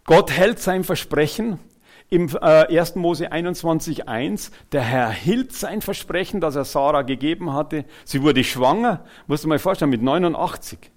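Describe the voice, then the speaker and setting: A man delivering a sermon, speaking to the listeners directly and swinging from loud, emphatic phrases to quiet ones. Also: fairly high pitch, moderate pace. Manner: animated, swings between loud and soft, chuckles. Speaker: preacher.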